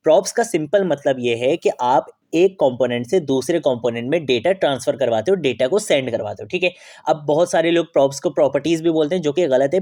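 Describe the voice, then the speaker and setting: A man's voice: fairly high pitch, mellow, dry recording, studio quality. A man teaching a screen-recorded coding tutorial, explaining step by step, asking and answering his own questions and checking in often. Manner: repeats "theek hai" often as a check-in. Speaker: programming tutor.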